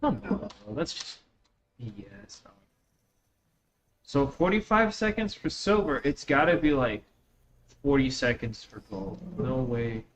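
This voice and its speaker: Streaming a game live, this man talks to his audience in casual slang with a slight Russian accent; he grew up in Russia before moving to the U.S. at age eleven. His medium-pitched voice is expressive, measured and full of pauses, captured on a dull lo-fi mic with faint background noise.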